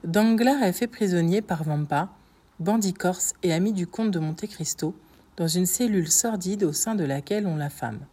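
A woman narrating a classic novel excerpt in a measured, expressive reading. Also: fairly low pitch, husky. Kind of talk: literary audiobook narration.

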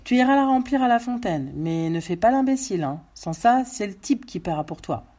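A woman's voice: medium pitch, expressive, fairly quick, dark tone, voice pushed up, close to an everyday voice. A woman voicing an armed, weary man who barks curt threatening orders in a read-aloud story. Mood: menacing.

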